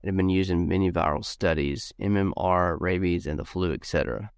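A man co-hosting a casual podcast, talking in a rambling way with halting restarts. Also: deep voice, smooth, dry recording, studio quality. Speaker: podcast co-host.

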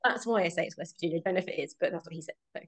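A woman's voice: fairly low pitch, rapid-fire. A British woman in her thirties, a voice actress answering interview questions in a chatty way with frequent ums. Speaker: voice actress guest.

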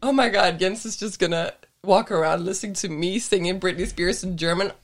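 A woman's voice: fairly low pitch, a little fast. A woman co-hosting a podcast, chatting casually in a rambling, giggly way and swearing freely. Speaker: podcast co-host.

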